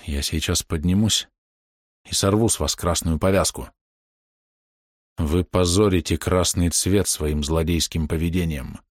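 A man voicing a dignified old man who speaks in a grave, reproachful, measured way. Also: lowish voice, animated, a little mellow, dry recording, studio quality.

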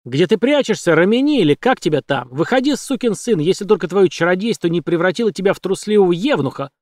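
A man voicing a furious young male heckler in an audiobook, shouting taunts. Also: high-pitched, animated, fast, no echo, studio quality, voice pushed up.

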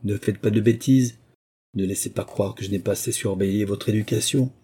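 A man reading an audiobook voices a frail aristocratic mother who speaks gently and admonishes her daughters. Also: fairly low pitch, steady tone, fairly quick, breathy edge. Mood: admonishing.

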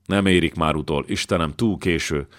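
A male narrator voicing an old king who is anxious and bitter, raising his voice sharply in his orders. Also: very deep voice. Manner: raises his voice sharply in his outbursts.

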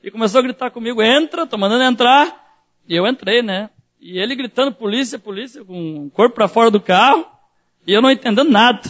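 High-voiced male pastor, dull lo-fi. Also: fast. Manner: lively storyteller acting out quoted voices. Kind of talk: sermon testimony, storytelling.

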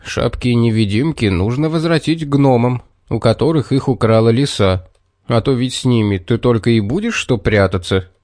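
A man's voice: mid-range voice, normal speed, a little mellow, no room sound, lightly acted. A man voicing a stern, grumbling father in a children's story, close to his own voice.

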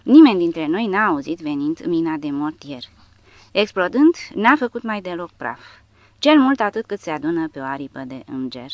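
A woman with a low, deep voice narrates an audiobook in a dramatic reading style. The sound is dry and close, with no room around it. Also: big pitch swings, no room sound, highs cut off. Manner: reads dramatically, raising voice for shouted quotes.

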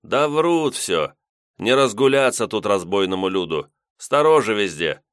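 A man's voice: fairly low pitch, lively intonation, normal speed, a bit bright, clear, resonant tone, no echo, studio quality. Man doing a scoffing old-time guard. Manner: dismissive, reassuring. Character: scoffing middle-aged male guard.

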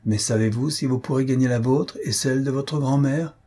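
Reading aloud from an audiobook, a man speaks briskly in a mellow, husky medium pitch, set above his own voice yet close to an everyday one. The character is a stern, no-nonsense middle-aged aunt, voiced well above his natural register. She lectures and scolds, firm and cutting.

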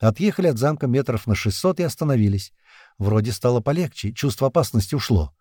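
A man's voice: medium pitch, fast talker, no room sound. Give me a man reading a first-person thriller audiobook. His voice moves up and down expressively and sounds close and dry. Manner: expressive, tense storytelling. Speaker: narrator.

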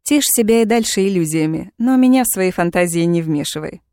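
A woman's voice: on the low side, lively intonation, a little fast, mellow, clear, resonant tone, dry recording, studio quality. A woman voicing a defiant young witch in chains, speaking with cool, mocking sarcasm. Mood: sarcastic.

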